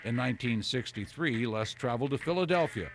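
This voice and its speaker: A male news reporter narrates a sports history feature with lively, vivid storytelling, his pitch mid-range. Music plays clearly underneath his voice-over. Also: a little fast.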